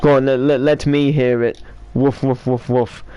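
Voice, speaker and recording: A man's voice: medium pitch, flat delivery, moderate pace, mellow, smooth, muffled recording. A man from East Yorkshire chatting casually and joking with a friend while playing a building game. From East Yorkshire, England. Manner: joking, rambling, many fillers. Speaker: gaming channel host. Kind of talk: casual chat while gaming.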